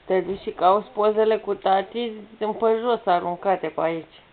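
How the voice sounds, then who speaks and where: A young woman at home filming her toddler, coaxing her with playful, repetitive baby talk. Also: mid-range voice. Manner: coaxing, repetitive prompts to a small child. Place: home, in a room with a bed. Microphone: camera's built-in mic. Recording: tinny lo-fi home camera audio with faint noise.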